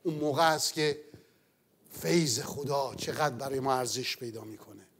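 A man preaching a sermon in an earnest manner, rising to loud exclamations and then falling to near-whispers. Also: mid-range voice, husky. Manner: earnest, swells loud then drops to a hush.

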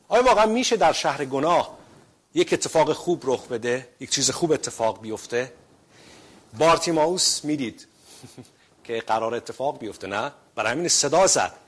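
Guy preaching a sermon, earnest, keeps repeating phrases, slows right down on the prayer bits. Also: mid-range voice, fairly bright tone.

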